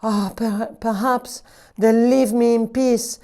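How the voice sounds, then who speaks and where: A woman's voice: fairly high pitch, steady tone, takes it slowly, warm tone, voice pushed up. A woman voicing a weary, exasperated little genie. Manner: exasperated, sighing. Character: fretful male genie, small and weary.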